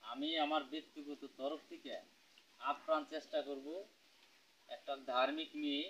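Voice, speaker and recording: A man playing an elder who promises to find a bride, speaking in a calm, formal, reassuring way. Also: on the high side, normal speed, slight background noise, low-quality recording. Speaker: village elder arranging a marriage. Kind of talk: scripted comedy skit acting.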